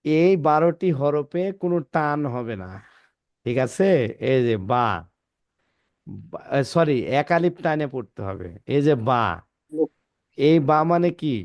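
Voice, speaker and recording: A man teaching Arabic letter pronunciation in a classroom, reciting letters one by one with a slow, drawn-out delivery and checking in with his students. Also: on the high side, expressive, darkish tone, smooth, no echo, dull audio.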